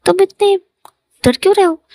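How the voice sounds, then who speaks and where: A teasing, playful young man in love, read by a woman storyteller. The voice sits fairly high, light and quick to rise when he is caught off guard. It is recorded dry, with no room around it. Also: steady tone, darkish tone, dry recording. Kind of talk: storytelling in Hindi.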